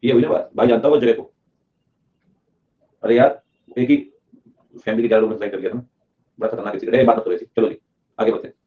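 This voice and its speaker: A young man from Delhi teaching accounting in a lively lecture, acting out an auditor and a client in playful voices. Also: lowish voice, quick pace, pauses often. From Delhi, India. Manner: animated, acts out auditor and client in funny voices. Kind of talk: lively classroom lecture with acted skits. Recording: dull lo-fi recording.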